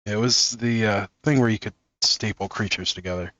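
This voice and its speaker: A man's voice: on the low side, fairly even intonation, normal speed, fairly bright tone, no echo, muffled recording. A man hosting a card-opening video, reading card text aloud in a casual, amused way and chuckling often. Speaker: card-opening channel host.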